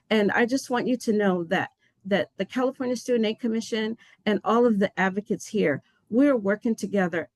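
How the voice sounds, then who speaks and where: Woman, agency official, passionate webinar welcome, mid-pitched voice, dry close sound. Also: no room sound. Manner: passionate, heartfelt; earnest, loses her place and restarts.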